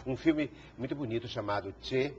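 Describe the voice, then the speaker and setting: A man of middle pitch hosts a TV interview show. He rambles, stumbling and repeating words as he talks. The broadcast sound is dull, with a faint hiss. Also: normal speed, a little mellow. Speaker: TV talk show host. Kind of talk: TV interview conversation.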